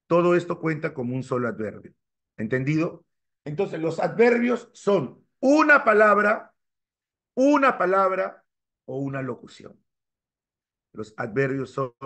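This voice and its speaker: A man lecturing on grammar in a mid-range voice. He keeps firing quick questions at his students, pushing his pitch up hard whenever he stresses a key term. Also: fairly bright tone. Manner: emphatic, jumps up in pitch to stress key terms. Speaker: language teacher. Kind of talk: exam-prep grammar lecture.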